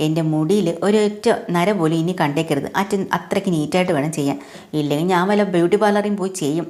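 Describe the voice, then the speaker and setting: A woman's voice: fairly low pitch, fast talker, a little mellow, close to an everyday voice. A woman voicing a vain, teasing old man who likes to boast.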